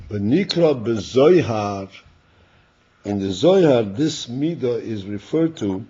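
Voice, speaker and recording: An older man, a rabbi, teaching a Chassidus class, who often repeats words and clears his throat. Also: mid-range voice, expressive, slow, pauses often, warm tone. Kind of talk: slow, halting Torah class. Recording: dull lo-fi class recording.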